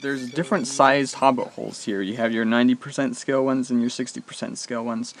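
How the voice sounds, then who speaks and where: A man's voice: medium pitch, steady tone, fast. A man casually explaining things while on an outdoor tour. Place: outdoors on a film set.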